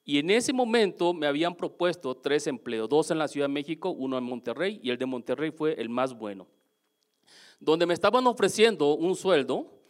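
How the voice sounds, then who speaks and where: A man with a Mexican accent giving a lively motivational testimonial at a business seminar, often checking in with the audience through quick questions. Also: on the high side. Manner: keeps asking the audience questions, animated.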